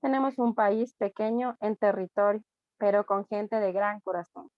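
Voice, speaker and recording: A woman with an Ecuadorian accent, a student reading a text aloud in class, steady with small slips. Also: mid-range voice, moderate pace, no echo, muffled recording. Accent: Ecuadorian Spanish.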